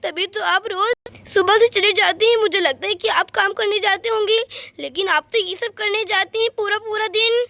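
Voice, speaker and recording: A woman's voice: very high voice, fairly even intonation, moderate pace, bright, forceful tone, no echo, exaggerated voice. A woman voicing a hurt village wife in a doll story, scolding and tearful as she accuses her husband. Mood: accusing.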